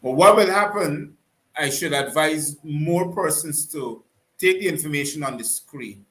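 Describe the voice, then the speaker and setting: A man hosting a live online call-in talk show, courteous and unhurried, often trailing off and restarting. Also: on the high side, animated, fairly bright tone. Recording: roomy echo.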